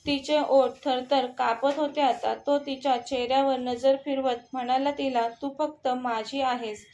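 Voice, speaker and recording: Woman reading a love story aloud, high voice, does all the parts herself. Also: fairly even intonation, unhurried, a little mellow. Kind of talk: scripted story narration.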